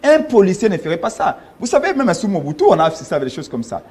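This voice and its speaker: A man's voice: high-pitched, big pitch swings, quick pace, darkish tone, slightly rough. A man from Congo, a political party official, defending his leader with insistent, emphatic argument in a studio interview. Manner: emphatic, argumentative, rising in force when insisting.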